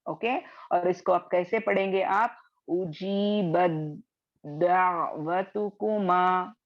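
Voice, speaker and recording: A woman teaching a recitation class over a video call, patiently explaining and slowly repeating each example. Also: fairly low pitch, lo-fi sound. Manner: slow drawn-out recitation of examples. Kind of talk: online class lesson.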